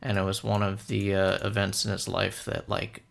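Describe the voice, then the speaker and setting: A young man talks through a film in a relaxed, rambling way and fills every gap with hesitations. His low voice has a heavy gravelly fry. He sounds like someone making a casual commentary video. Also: normal speed. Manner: rambling, many fillers and hesitations. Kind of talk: casual film analysis monologue.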